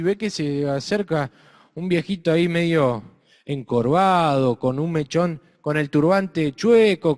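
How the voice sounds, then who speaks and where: An adult man with an Argentine accent narrates a story to children, expressive and stopping to ask his listeners questions. His voice sits a little high. The sound carries a long echo, as from a large hall. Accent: Argentine Spanish. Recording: reverberant hall.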